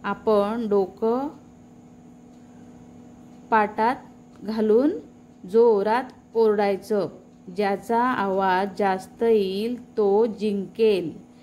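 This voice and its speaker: A woman's voice: medium pitch, steady tone, very slow, long pauses, warm tone, slight background noise. A woman voicing a small, clever male mouse in a children's storybook tale, sly and persuasive.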